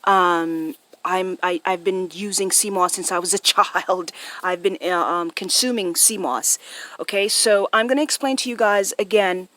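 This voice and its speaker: An online video host with a Jamaican accent gives a casual, off-the-cuff explainer recorded on a phone, often tossing in short tag questions. Her voice is lowish, fairly even, unhurried and a bit bright, with no room sound.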